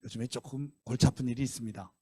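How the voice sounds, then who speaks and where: A man preaching acts out a timid junior priest who reports in a hushed, deferential way. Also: mid-range voice, racing, husky, no room sound, studio quality, pitched below the performer's own voice, natural voice. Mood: meek.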